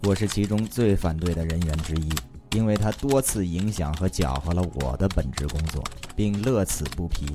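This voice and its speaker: A man's voice: low-pitched, moderate pace, hardly any pauses, music in the background. A man with a Beijing accent narrating scripted comedy in a wry, mock-formal manner. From Beijing, China. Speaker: comic storyteller. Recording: clear background noise with keyboard clicks.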